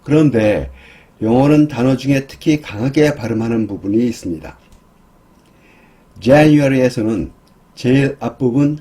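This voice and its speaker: Male English teacher, low-key and unhurried, mellow husky voice, drills vocabulary one word at a time. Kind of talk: slow, careful teaching for beginners.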